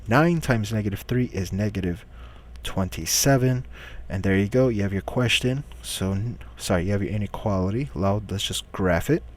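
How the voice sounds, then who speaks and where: A man's voice: lowish voice, darkish tone. A man teaching a recorded math lesson, patiently walking through each step and asking questions he then answers himself.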